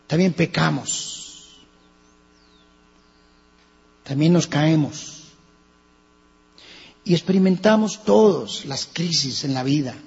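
Colombian male pastor, husky and fairly high, dramatic sermon delivery, reverberant lo-fi church recording with hum. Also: takes it slowly, long pauses. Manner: preaching with dramatic shifts between hushed and loud. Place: church hall.

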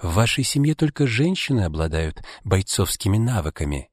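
A man's voice: on the low side, very animated, a little fast, breathy edge, no room sound, studio quality. A man voicing a spiteful middle-aged wife in an audiobook, speaking in a hissing, venomous way.

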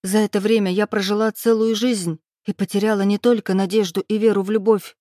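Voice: mid-range voice, a little slow, no room sound, clean studio sound, natural voice. An audiobook reader voicing a proud, wounded young woman who speaks curtly and bitterly, her voice raised above the reader's own. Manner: curt, bitter, rising to shouts.

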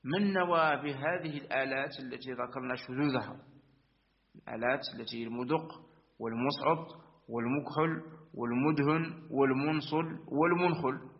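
A man gives a grammar lesson in a plain, mid-pitched voice. He works through each point methodically, repeats himself, and keeps affirming as he goes. The recording sounds dull and lo-fi. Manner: recites verse lines slowly. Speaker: teacher of Arabic grammar. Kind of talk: religious-school lesson explaining a verse text.

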